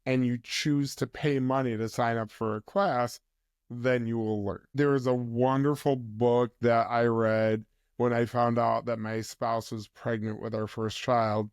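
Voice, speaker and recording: A man speaking as a mental health counsellor guest on a podcast, explaining in a measured way. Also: mid-range voice, fairly even intonation, clean tone, no room sound, studio quality. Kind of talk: podcast interview conversation.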